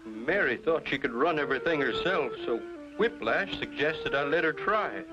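Man voicing a fretful rancher dad, slightly high, emphatic, old cartoon, music behind. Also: lively intonation, moderate pace, natural voice. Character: excitable middle-aged male rancher, fretful father. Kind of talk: 1950s cartoon voice acting. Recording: dull lo-fi soundtrack with music.

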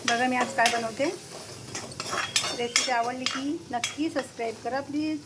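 A high-pitched woman talks her viewers through a home recipe in a casual, chatty way. She speaks over a noisy kitchen full of clattering pots and cutlery. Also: fairly even intonation, normal speed. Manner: chatty, addresses viewers directly. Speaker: home cooking vlogger. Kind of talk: casual cooking narration. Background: pots, cutlery and stirring clatter.

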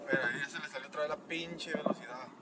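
Talking fast in a voice on the high side with fairly even intonation, this Mexican-accented vlogger in his thirties chats casually using sweary, slangy Chicano street talk. Shot on a phone held at arm's length, the noisy handheld recording moves from a truck cabin to snowy outdoors at night.

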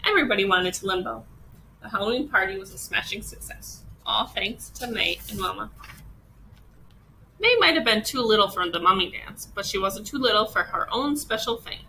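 A woman teacher reading a children's picture book aloud, expressive and unhurried. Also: mid-range voice, creaky, a little hiss or hum, low-quality recording. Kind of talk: children's storybook read-aloud.

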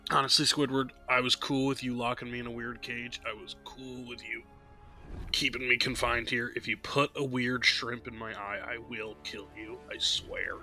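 A man's voice: mid-range voice, flat delivery, normal speed, bright, forceful tone, soft background music. A man with a congested voice giving casual, joking let's play commentary over a game. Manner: joking, offhand, mock-outraged.

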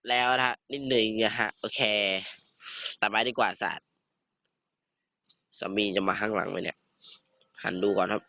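A teenage man giving casual, excitable commentary over a survival game, swearing and bantering with a friend. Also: fairly low pitch, normal speed, vocal fry, long pauses, no echo. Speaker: gamer.

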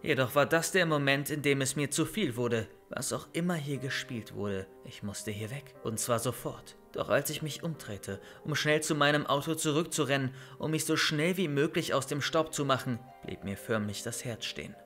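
Young male storyteller for a bedtime creepypasta, even mid-pitched voice, soft music underneath. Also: moderate pace, few pauses. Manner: calm storytelling, loud shouted calls in scenes. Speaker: narrator of horror stories. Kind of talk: scripted first-person horror narration.

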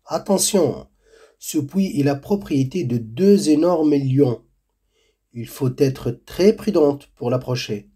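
A man doing a lonely old woman of the savanna, her voice lifted high above his own and a little louder, husky and slow. She speaks kindly and gently warns the children in a storybook tale. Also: lively intonation, full character voice. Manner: warning, gently admonishing.

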